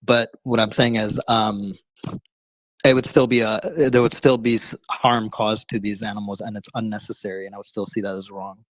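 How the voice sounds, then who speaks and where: A man debating casually on an online voice call, halting and often rephrasing his points. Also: on the low side, flat delivery, no echo, poor audio. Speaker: debater on a live call-in show.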